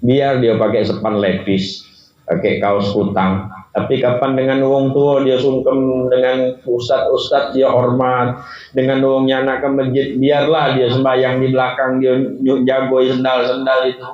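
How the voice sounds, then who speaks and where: A male preacher delivers an animated sermon at a religious gathering, telling stories with real energy. His voice bounces around a reverberant hall, and the recording sounds muffled and lo-fi. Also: measured pace. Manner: animated storytelling, voice rising high for quoted cries. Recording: echoey hall, dull lo-fi sound.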